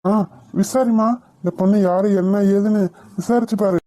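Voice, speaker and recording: A woman voicing a calm, reassuring middle-aged husband in a cartoon. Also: medium pitch, natural voice. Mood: calm, concerned. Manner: reassuring, measured. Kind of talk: cartoon voice acting.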